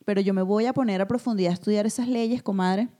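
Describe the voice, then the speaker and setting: A woman, co-hosting a casual chat and telling stories with animated energy, who keeps calling her friend comadre. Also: mid-range voice, fast. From Venezuela. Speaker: podcast co-host.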